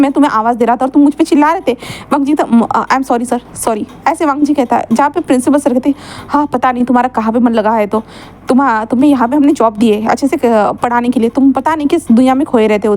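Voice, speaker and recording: A woman's voice: high-pitched, darkish tone. A woman casually narrating a fan-fiction romance story, voicing the characters' lines in her own voice. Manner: casual, filler-heavy retelling.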